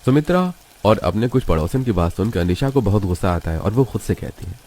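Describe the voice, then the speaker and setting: A man narrating a children's cartoon story in a measured, scripted way. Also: fairly low pitch, animated, mellow.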